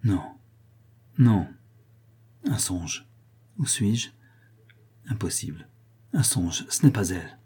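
A man reading a novel aloud and voicing a feverish, bewildered older father who speaks in broken, halting phrases. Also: medium pitch, animated, warm tone, breathy edge, voice pushed up. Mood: dazed murmur. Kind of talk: audiobook character voice.

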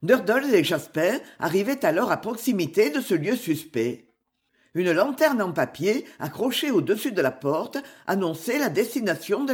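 A narrator reading a classic novel aloud in measured, expressive scripted narration. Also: mid-range voice. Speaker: audiobook narrator.

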